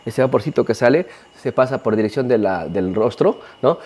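Peruvian guy, animated storyteller, voice jumps around a lot, casual interview. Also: medium pitch, normal speed, noisy background. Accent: Peruvian Spanish. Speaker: ayahuasca practitioner.

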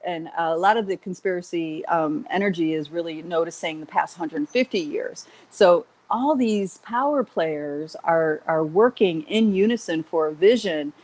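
Lower-voiced woman leading an informal spiritual livestream. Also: a little slow, hardly any pauses, a little mellow. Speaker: spiritual teacher leading an online group session.

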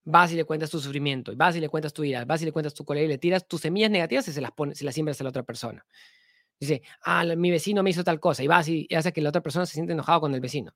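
A man's voice: a little high, rapid-fire, fairly bright tone, no echo, clean studio sound. A man giving a spiritual talk to an audience, asking rhetorical questions and repeating himself for emphasis. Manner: repetitive, full of rhetorical questions; earnest, with sudden emphatic swings. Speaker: spiritual teacher.

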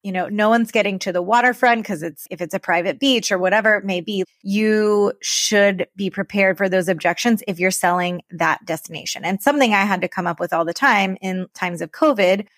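A woman co-hosting a podcast for travel advisors, chatting casually in a rambling, animated way. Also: mid-range voice, fairly quick, hardly any pauses, dry recording, studio quality.

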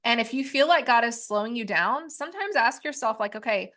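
A woman's voice: on the high side, animated, fairly quick, fairly bright tone. A woman co-hosting a faith-based business podcast, speaking in an earnest, reflective way to her listeners. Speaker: podcast co-host.

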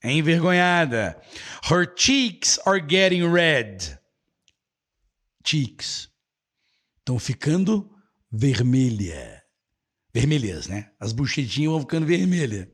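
A man with a Brazilian accent teaching English in a live online lesson, repeating every phrase slowly and switching between English and Portuguese. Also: fairly high pitch, very animated, fairly bright tone, breathy edge.

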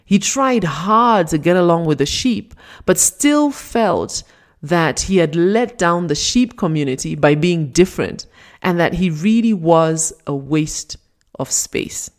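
Slow, deliberate woman motivational speaker. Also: on the low side, lively intonation. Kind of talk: scripted motivational talk.

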